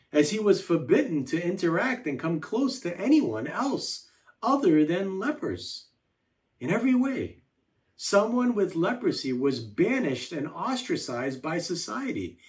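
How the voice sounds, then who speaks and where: Lively-pitched man giving devotional teaching. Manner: measured, reflective delivery with slow listed words.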